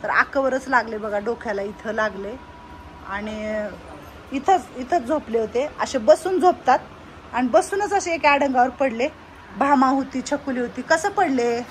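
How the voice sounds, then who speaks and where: A woman giving a casual walk-around vlog of an old age home she runs, chatting and loudly coaxing the residents. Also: sits high, a little slow, slight background noise.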